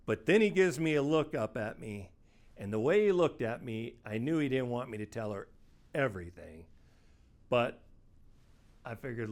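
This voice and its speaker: A middle-aged man recounts a case from his work as a private investigator. He talks in a plain, conversational way, stepping in and out of the people he describes. His voice sits at an ordinary middle pitch. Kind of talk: first-person case storytelling.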